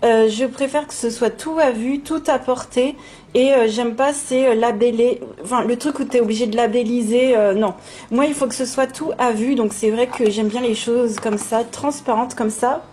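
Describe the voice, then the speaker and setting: A woman's voice: a little high, steady tone, normal speed, warm tone. A woman chatting casually and enthusiastically to her viewers, in an informal vlog style. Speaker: craft and coloring vlogger. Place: indoors at home. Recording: noticeable background noise, home recording.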